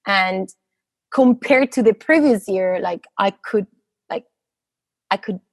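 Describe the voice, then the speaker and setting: An Italian postdoctoral physicist in her thirties answers interview questions casually as a guest, speaking English with an Italian accent. She's hesitant, full of fillers and restarts, with a slow, medium-pitched voice on a dry recording.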